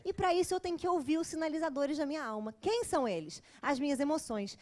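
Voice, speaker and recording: A woman with a Brazilian Portuguese accent delivers a spiritual lecture full of humor, her voice sitting on the high side. She tells her points as jokey little stories and lurches from loud bursts down to hushed asides. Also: fast. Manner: animated, jokey storytelling with sudden swings from loud to hushed.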